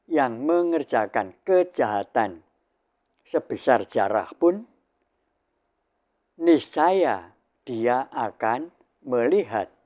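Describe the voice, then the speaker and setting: An older man giving a spiritual sermon in a measured, solemn way, pausing between short phrases. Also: mid-range voice, a little mellow. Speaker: spiritual teacher.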